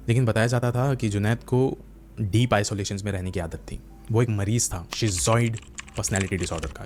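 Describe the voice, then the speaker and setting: A man's voice: fairly low pitch, slight background noise. A man narrating a horror story dramatically, acting out the characters' lines.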